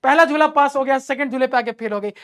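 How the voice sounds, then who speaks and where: High-voiced teasing male math teacher. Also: fast talker, smooth. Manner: lively, teasing, laughs often. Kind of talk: storytelling aside in a lesson.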